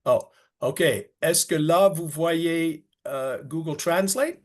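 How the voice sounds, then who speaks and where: Man, native english speaker, fairly high voice, halting speech with many fillers, webinar call. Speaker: guest speaker. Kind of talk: webinar presentation. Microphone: video call.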